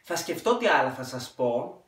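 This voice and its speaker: A young man vlogger telling a casual storytime monologue, animated and dramatic with sudden loud outbursts. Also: fairly high pitch, recorded from a distance. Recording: echoey room, off-mic.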